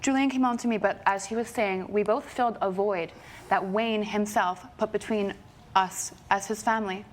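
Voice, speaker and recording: A woman's voice: mid-range voice, fairly even intonation, moderate pace, slight background noise. A woman in her thirties testifying as plaintiff in a TV courtroom, insistent and defensive. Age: 30s.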